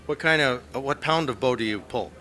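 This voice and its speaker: A man's voice: medium pitch, fairly quick, sharp tone. A man hosting casual interviews out in the field, folksy and enthusiastic in the way he talks. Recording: faint background noise, field recording.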